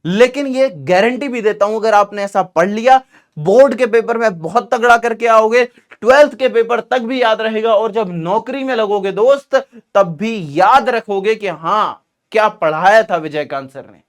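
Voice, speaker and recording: A man's voice: high voice, normal speed. A man teaching a grammar lecture, emphatic and repetitive, often calling the students his friends. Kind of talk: classroom lecture.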